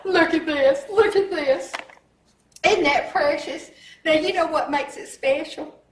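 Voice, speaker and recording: A woman's voice: high voice, a little slow, roomy sound, recorded from a distance, slight background noise. An actress playing a boastful, doting country pageant mother with a folksy way of talking.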